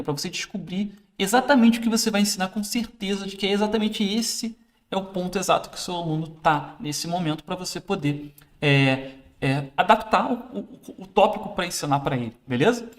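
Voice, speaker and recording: A man, a teacher trainer, explaining a classroom teaching aid in a casual instructional demo, pausing to correct himself as he handles it. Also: high-pitched.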